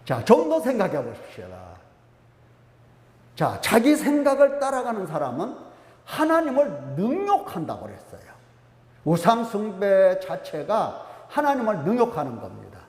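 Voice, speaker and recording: A man's voice: sits high, huge pitch swings, unhurried, darkish tone, roomy sound, in a large hall. A male pastor preaching a sermon with emphasis, often asking the congregation questions. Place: church sanctuary.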